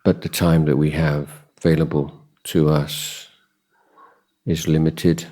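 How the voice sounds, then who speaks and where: In a very deep voice with a flat, mellow delivery, a man leads a guided meditation as a Buddhist teacher. He sounds contemplative and measured, often pausing between brief phrases.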